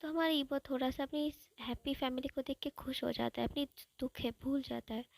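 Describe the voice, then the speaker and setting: A woman's voice: sits high, steady tone, fairly quick, creaky, dry recording, rough recording. A woman casually retelling a fan-fiction story scene by scene in a chatty way.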